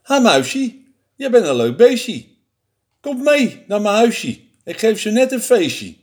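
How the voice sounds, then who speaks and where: A man's voice: high voice, sing-song, slow pace, a little mellow, pitched above the performer's own voice, heavily acted. A man doing a coaxing sly snake. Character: sly hungry male snake.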